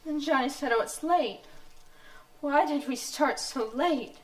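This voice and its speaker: A frightened young woman, high breathless voice, stage sound from a distance. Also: unhurried. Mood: dazed, haunted. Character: terrified young woman, grieving sister. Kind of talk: live stage acting. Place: theatre stage. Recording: echoey theatre from far off.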